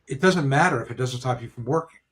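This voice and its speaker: Guy lawyer hosting, explaining stuff practically, lots of you-knows, mid pitch. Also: quick pace, a bit bright. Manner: explains in a practical way, many "you know" fillers. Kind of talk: explanatory casual discussion.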